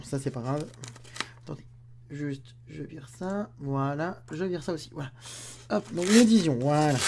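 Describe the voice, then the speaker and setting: A man's voice: a little high, noisy background. A man hosting an unboxing video at home, chatting to the camera and grumbling aloud as he unwraps things. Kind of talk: casual talk to camera.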